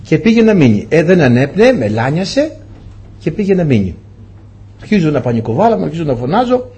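A man preaching a sermon, telling stories and voicing the dialogue with big swings in pitch. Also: big pitch swings, dark tone, breathy edge.

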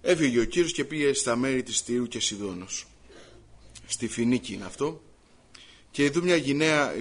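A man preaching a sermon, reading scripture aloud and then explaining it to the congregation he calls brothers, in an earnest, emphatic way. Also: medium pitch.

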